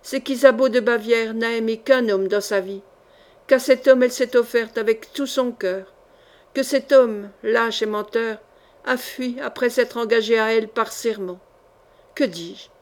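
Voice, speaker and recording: A haughty queen speaks with cold scorn and fierce pride in a fairly high voice, as a woman reading an audiobook puts her on. She sounds proud and passionate, looking down on everyone around her. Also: measured pace, lightly acted.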